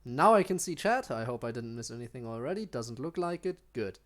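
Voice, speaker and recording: With a mid-range, sing-song voice and a slightly fast pace, a young man with a German accent chats with his stream while playing a game. German is his native tongue, and his talk is full of ums and fresh starts.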